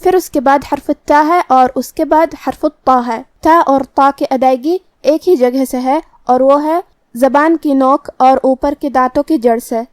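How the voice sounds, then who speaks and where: A woman with an Urdu accent teaching Quran recitation rules, explaining pronunciation in a measured, methodical way. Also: high voice, a little mellow, no room sound, studio quality. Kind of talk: tajweed lesson, explaining then reciting.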